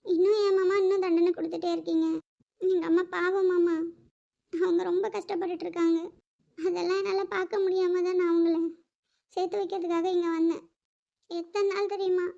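A woman voicing a grieving young niece who pleads tearfully with her uncle in an animated drama. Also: sits high, a little fast, muffled recording, close to an everyday voice.

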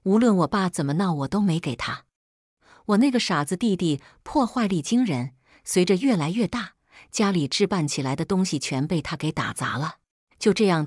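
A woman telling a first-person story as a scripted narration, in a steady, plain way. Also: fairly low pitch, no room sound, clean studio sound. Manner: steady, plain recounting of a harsh family story.

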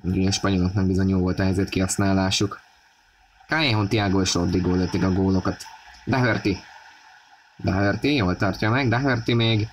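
A man giving football match commentary on a video game, excited and raising his voice at key moments. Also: low-pitched, slight background noise, low-quality recording. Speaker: sports commentator.

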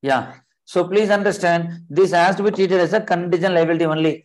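A man with a Tamil accent teaches in a high voice at a very rapid pace, despite a throat infection. He lectures interactively, mixing Tamil and English, repeats his phrases and keeps checking with questions. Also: steady tone. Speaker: accounting teacher.

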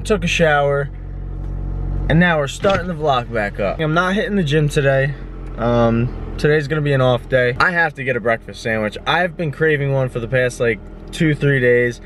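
A young man in his twenties chats to the camera in an upbeat, rambling vlog. His voice sits a little high. The recording carries a clear layer of background noise. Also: moderate pace, fairly bright tone. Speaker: vlogger. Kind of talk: casual vlog chat.

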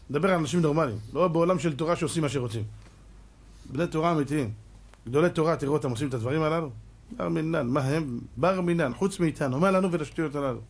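Husky guy rabbi giving a torah class, fast questions at the crowd, kinda high voice, acts stuff out. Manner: animated, fires rhetorical questions at listeners; acts out scenes with sound effects and mock voices. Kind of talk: lively religious lecture.

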